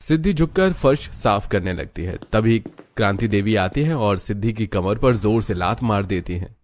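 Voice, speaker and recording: A man narrating a cartoon family story in an even, low storytelling tone. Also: moderate pace. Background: faint music.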